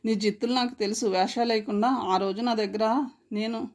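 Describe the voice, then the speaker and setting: A woman's voice: fairly high pitch, fairly even intonation, brisk, lightly acted. A woman reading a story and voicing a brash, cheeky young man who talks with swagger. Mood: cocky.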